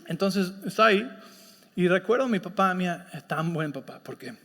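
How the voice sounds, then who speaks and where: Pastor con acento mexicano, voz alta, predica conversando, eco largo de iglesia. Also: male voice, high-pitched, animated, moderate pace, bright, forceful tone. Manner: conversational, asks listeners often if they follow. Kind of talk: sermon with personal story. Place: church sanctuary. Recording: long reverb of a church hall.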